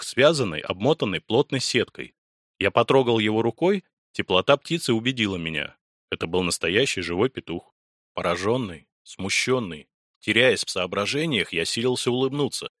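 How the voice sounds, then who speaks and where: Low-voiced male storybook reader. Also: fairly bright tone, no room sound, clean studio sound. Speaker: audiobook narrator. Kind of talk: first-person literary narration.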